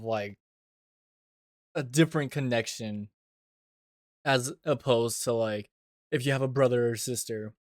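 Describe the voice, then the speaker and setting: A man's voice: mid-range voice, a little mellow, dry recording, studio quality. A man streaming casual reaction commentary, talking informally with lots of "like" and some swearing.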